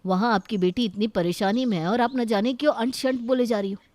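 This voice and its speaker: A woman's voice: fairly high pitch, a little fast, a little mellow, close to an everyday voice. A woman voicing a protective, indignant young brother in a cartoon story. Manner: indignant, pleading, argumentative.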